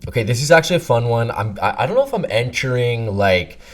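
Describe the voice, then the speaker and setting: A man's voice: mid-range voice, big pitch swings, fast talker, a little hiss or hum. A man in his twenties co-hosting a podcast, chatting casually and rambling with lots of fillers. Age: 20s. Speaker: podcast co-host. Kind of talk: casual chat.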